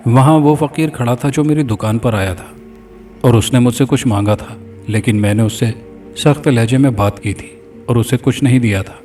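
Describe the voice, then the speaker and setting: A male storyteller reading a horror story in a steady, dramatic way. His voice is mellow and dark, and he sounds set back from the mic. Faint music plays under him. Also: mid-range voice, far from the mic. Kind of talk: scripted horror narration.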